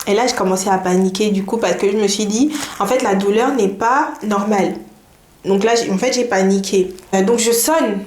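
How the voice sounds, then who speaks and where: A young woman telling a personal story to her viewers in a lively, chatty way. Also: medium pitch, normal speed. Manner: lively, chatty, laughs while telling, addresses viewers directly. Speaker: vlogger. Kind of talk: casual storytime to camera. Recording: echoey room, faint noise.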